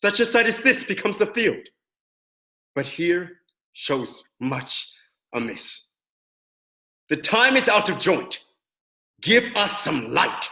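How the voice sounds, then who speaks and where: A man performs a proud, solemn young prince in Shakespearean tragedy. The voice is fairly high and very animated, declaiming with command. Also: moderate pace, vocal fry, exaggerated voice. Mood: grave, commanding. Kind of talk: Shakespearean stage acting.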